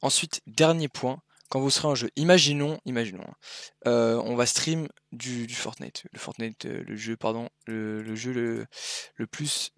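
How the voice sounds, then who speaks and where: A man's voice: mid-range voice, normal speed, no echo. Dry-voiced young man explaining casually. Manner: rambling, self-correcting, informal. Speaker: streaming tutorial creator. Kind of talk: casual screen-recorded tutorial.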